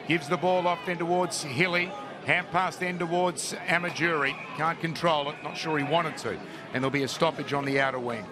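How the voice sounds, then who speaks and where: A man's voice: on the high side, fairly even intonation, moderate pace. An Australian male commentator giving a running, descriptive play-by-play of live football. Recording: crowd and noise behind live commentary. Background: crowd at outdoor ground.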